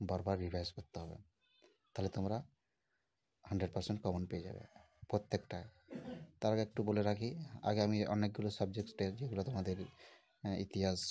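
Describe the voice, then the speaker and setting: A woman speaks as a teacher with an unusually deep, low voice. She talks fast and repeats her points, coaxing students and checking in with them as she goes. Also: warm tone, a little hiss or hum. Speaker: exam-prep teacher. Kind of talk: casual exam tips to students.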